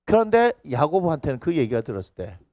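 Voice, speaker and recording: A middle-aged man preaching in a Gyeongsang Korean accent, his high voice leaping up and down as he acts out characters and quizzes the congregation. The sound is close and dry, with almost no room echo. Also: quick pace, muffled recording. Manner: animated, acts out quoted voices, asks the congregation questions. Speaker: senior pastor. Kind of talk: lively sermon. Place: church sanctuary.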